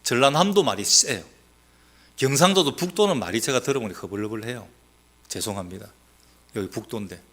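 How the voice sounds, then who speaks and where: Male pastor, Gyeongsang accent, bright lively sermon delivery, emphatic swings in pitch. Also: brisk, long pauses. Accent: Gyeongsang Korean, mixed. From South Gyeongsang, Korea. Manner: emphatic, rising to loud exhortation, then dropping low; teasing, asks the congregation questions.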